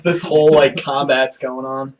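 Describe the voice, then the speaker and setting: A man's voice: mid-range voice, little pitch movement, normal speed. A man running a tabletop game as game master, calling turns and ruling on actions with frequent laughs. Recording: distant mic with faint noise.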